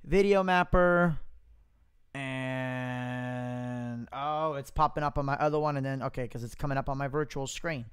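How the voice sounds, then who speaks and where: A man presenting a software demo in a casual live tutorial, informally thinking aloud into a close mic with popping plosives. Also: mid-range voice, unhurried, smooth. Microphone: close mic without pop filter, popping plosives.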